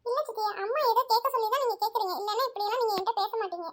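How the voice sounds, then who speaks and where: A woman acting out a young college girl in a storybook drama, defensive and frank, pleading her case. The voice sits very high and the words tumble out fast and insistent.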